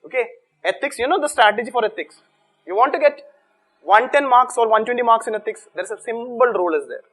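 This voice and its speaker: A man's voice: very high-pitched, fast, a bit bright. A man with an Indian English accent giving a coaching lecture to students, speaking emphatically with repeated points and rhetorical questions. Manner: emphatic, repetitive, with rhetorical questions and check words. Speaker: exam coaching teacher.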